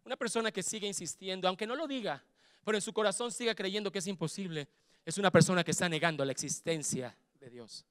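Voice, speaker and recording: A man with a Mexican Spanish accent preaching a sermon as pastor, fervent, building to shouts and acting out quoted voices. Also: high voice, quick pace, clear, resonant tone, dry recording, clean studio sound.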